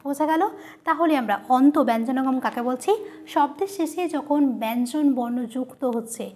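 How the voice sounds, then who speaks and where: A woman's voice: high voice, fairly quick, a little mellow, slight background noise. A woman teacher giving a grammar lesson, who asks questions and answers them herself, repeating each key term.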